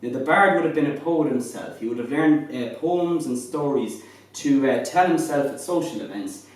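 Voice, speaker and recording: A man's voice: fairly high pitch, expressive, moderate pace. An Irish man with a lilting storyteller's way of talking, speaking as a traditional storyteller. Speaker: traditional Irish storyteller and poet, interview guest. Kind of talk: oral storytelling and conversational explanation. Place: reverberant room, away from the mic. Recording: echoey room, distant from the mic.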